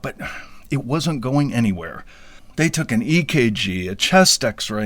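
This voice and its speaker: A man's voice: mid-range voice, dry recording. A man telling a funny personal story in a wry, self-deprecating, playfully dramatic way. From US Midwest. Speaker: podcast storyteller. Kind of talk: comic first-person storytelling.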